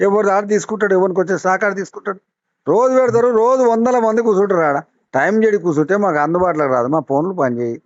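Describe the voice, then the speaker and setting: A farmer from Telangana, India, speaking with a Telangana accent in a high, racing voice with no room sound, calls an official to complain. Heated and insistent, he argues and repeats his demands over a dull, lo-fi phone line.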